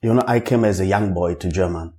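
A male musician from Zambia answers questions in a calm, measured way, often with short replies. His voice is mellow and warm. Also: deep voice. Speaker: guest, musician. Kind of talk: casual interview chat.

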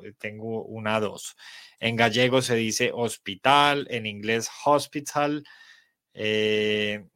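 A man leads a live-streamed English lesson. His voice sits at an ordinary middle pitch, and he explains words patiently, often pausing to correct himself. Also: fairly bright tone, clean tone. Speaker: English teacher. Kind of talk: live-streamed online class.

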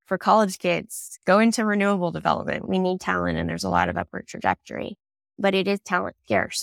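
Her voice is fairly low and creaky, scratchy from a cold she's getting over. She's a woman in her thirties leading a clean energy startup, answering interview questions with earnest thought and a few small restarts. The recording is dry and studio-clean.

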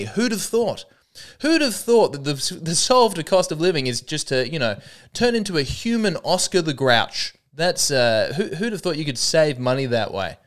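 Hosting his comedy podcast alone, a man rambles with dry sarcasm and pokes fun at himself. His voice is a little high, sitting in a middle register, yet it swoops up and down a lot as he jokes.

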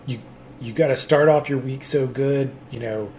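A man with a medium-pitched voice chats casually as a podcast co-host. His talk is conversational and informal. A faint layer of noise sits on the recording. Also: moderate pace, a little mellow. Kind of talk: casual chat.

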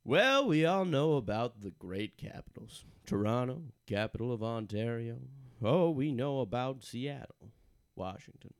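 A mock-grand travel narrator acted by a man in improvised comedy. He gushes theatrically with drawn-out words in a mid-pitched voice, recorded close and dry. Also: lively intonation, smooth, no echo. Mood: grand, gushing. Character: grandiose male travel narrator, gushing over small cities.

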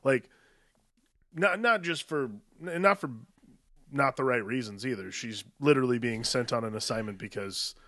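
A man's voice: medium pitch, moderate pace, a bit bright. A man co-hosting a podcast, rambling casually about a movie with many "like"s and some swearing. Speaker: podcast co-host.

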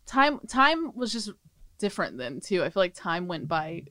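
A woman's voice: lowish voice, sing-song, moderate pace, a bit bright, no echo. A woman chatting as a podcast guest, easygoing and casual, leaning on "like" as a filler. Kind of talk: casual interview chat.

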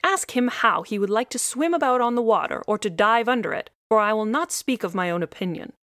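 A preachy, know-it-all hen from a storybook scolds in a loud, emphatic voice that pushes upward in pitch, as a woman puts her on. The sound is close and dry, with no room around it. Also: animated, a little fast, no echo. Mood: lecturing. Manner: scolding, lecturing, haughty. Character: bossy self-important hen, female.

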